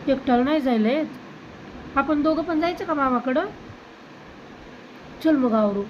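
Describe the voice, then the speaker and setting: A woman gently coaxing and questioning a small child at home. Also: sits high, normal speed, lo-fi sound, a little hiss or hum. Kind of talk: talking softly to a small child.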